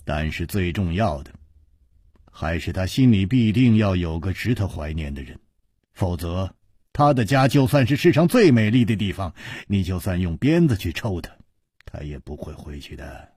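A calm, genial hero, as a male storyteller puts him on, speaking softly and low with quiet amusement. His husky voice stays gentle throughout. The sound is dry and close. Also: moderate pace, no echo, exaggerated voice. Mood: gentle, amused. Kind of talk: storytelling dialogue.

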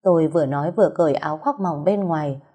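A woman narrating a first-person story in a lively, sly way. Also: low voice, quick pace, breathy edge.

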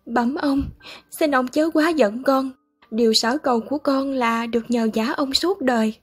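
A woman reading aloud voices an anxious young male student who pleads earnestly and tearfully, with a husky voice. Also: high-pitched, normal speed, faint music behind. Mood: pleading.

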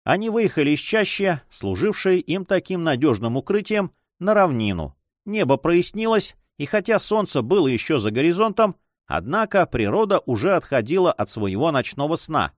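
A man's voice: a little high, very animated, moderate pace, dry recording, studio quality. Man narrating an adventure audiobook. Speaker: audiobook reader.

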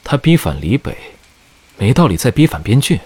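An actor playing a tired, frank border general in an audio drama, speaking low and plainly. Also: male voice, very animated, moderate pace, warm tone, husky. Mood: weary.

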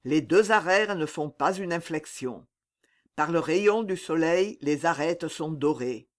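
A woman reading a narrative poem aloud as an audiobook in a deliberate literary manner. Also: sits low, animated. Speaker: audiobook reader.

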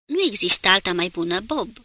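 Lady reading as a tired sub commander, short and terse, bright close voice. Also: mid-range voice, big pitch swings, no echo. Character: weary male submarine commander, burdened.

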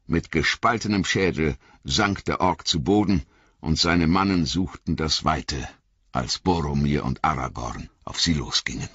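A man narrating an audiobook in an expressive, dramatic storytelling manner. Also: rumbling low, unhurried, slightly rough, no echo. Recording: slightly dull lo-fi audio.

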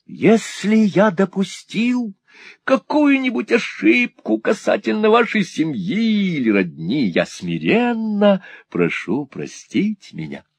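A man voicing an eccentric, pompous old gentleman who talks in grand, flowery courtly phrases, in an audiobook reading. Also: high voice, big pitch swings, takes it slowly, slightly rough, no room sound, voice pushed up, heavily acted. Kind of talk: audiobook character voice.

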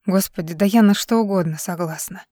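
Heartbroken young woman, soft and subdued, as the narrator reads her. Dry, close sound. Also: mid-range voice, fairly quick, no room sound, natural voice. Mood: weary.

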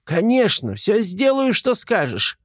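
A shrill whiny little creature. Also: male voice, huge pitch swings, unhurried, a bit bright, no room sound, studio quality, full character voice. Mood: pleading. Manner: shrill, pleading. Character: small whiny male gremlin-like creature, cowardly.

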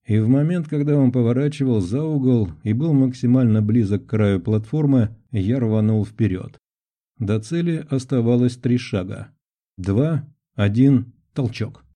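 A male audiobook narrator reading first-person adventure prose in a measured, tense way. His voice is very dark and mellow, in a middle pitch.

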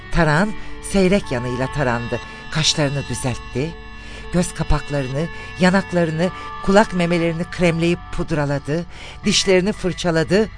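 A man narrating a literary story as an audiobook, in an expressive, dramatic storytelling manner. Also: fairly high pitch.

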